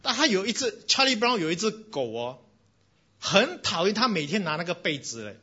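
A man preaches a sermon with a bright, forceful delivery. His voice is husky, and the recording sounds dull and lo-fi. He tells animated stories and mixes in bits of English. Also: high-pitched, normal speed. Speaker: pastor.

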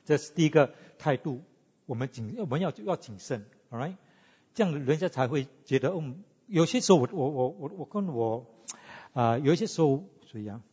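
A man preaching a sermon, teaching in an animated way and asking the congregation questions. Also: mid-range voice, breathy edge. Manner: animated teaching, asks the congregation questions, mixes in English tags. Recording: lo-fi with long hall reverb.

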